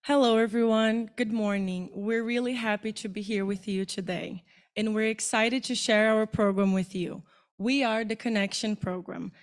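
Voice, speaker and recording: A woman's voice: mid-range voice, fairly even intonation, moderate pace. A young woman from Brazil giving a friendly, upbeat student presentation on stage. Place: auditorium stage.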